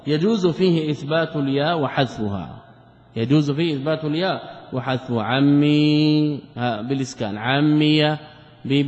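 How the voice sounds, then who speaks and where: A man, a sheikh, explaining a classical religious text in a lesson. He poses rhetorical questions, answers them himself, and repeats key words for emphasis. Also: mid-range voice. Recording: dull lo-fi recording with long hall reverb.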